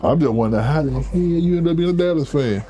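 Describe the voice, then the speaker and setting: A man's voice: on the high side, animated, fast, over music. A man joking around in loose, slangy banter on a podcast. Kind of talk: casual banter.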